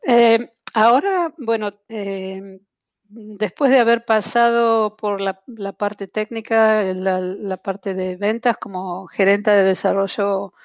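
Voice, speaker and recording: Slow and mid-range, this woman's voice comes through a dry, lo-fi recording. She's an Argentine guest with an Argentine Spanish accent, a translation-tool specialist on a video-call interview, speaking with many fillers and restarts.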